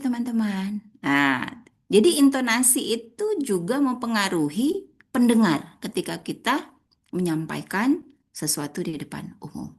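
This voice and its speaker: A woman's voice: medium pitch, slightly rough. Woman trainer teaching public speaking. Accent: Indonesian. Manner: addresses audience as friends, demonstrates intonation. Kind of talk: workshop talk to participants.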